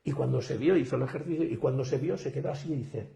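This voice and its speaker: Man, speaking coach, lively storyteller, dark gravelly voice, video call. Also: medium pitch, fast. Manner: animated storyteller, acts out quoted students. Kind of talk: interview answers.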